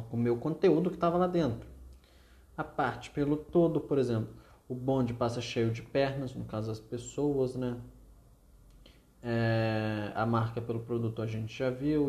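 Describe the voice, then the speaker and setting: A Brazilian Portuguese-accented man teaching a literature class over a video call. His pitch sits in the middle, and his talk wanders and restarts as he gives examples. The sound carries a roomy echo. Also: mellow. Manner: chatty, digressive, self-correcting. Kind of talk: online literature lesson.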